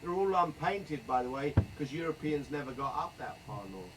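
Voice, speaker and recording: A man's voice: on the high side, expressive, moderate pace. A man giving a joking, playful running commentary as a tour guide on a moving bus. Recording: distant voice with road noise.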